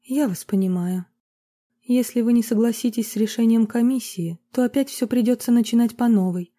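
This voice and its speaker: A sympathetic middle-aged woman who runs an orphanage, weary and tactful, as a female narrator voices her. Her voice is mellow and slightly husky, and she speaks like a figure in an audiobook. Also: a little high, moderate pace, voice pushed up, lightly acted.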